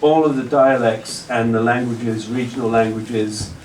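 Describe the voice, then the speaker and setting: This male lecturer has a medium, slightly mellow voice and an unhurried, flat delivery as he rambles through a lengthy reply to an audience question, restarting frequently and leaning on "you know". It's roomy, faraway lecture hall audio with slight background noise.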